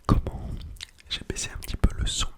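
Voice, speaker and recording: A man whispers a casual ASMR chat very close to the mic, hushed as if quiet at night, with soft breath and lingering repeated words. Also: fairly quick. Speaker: ASMR content creator. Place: small home toilet room, indoors. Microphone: close sensitive microphone without windscreen.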